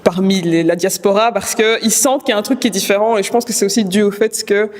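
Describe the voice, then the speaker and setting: A young woman talking thoughtfully about herself in an interview, laughing softly now and then. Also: mid-range voice, quick pace, long reverb tail. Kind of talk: reflective casual talk.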